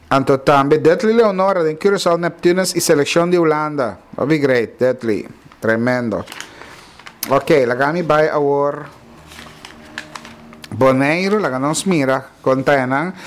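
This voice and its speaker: A chatty male host with a notably high voice runs through the day's news and events in a relaxed, casual way. He keeps the delivery lively and throws in quick exclamations between items. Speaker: show host.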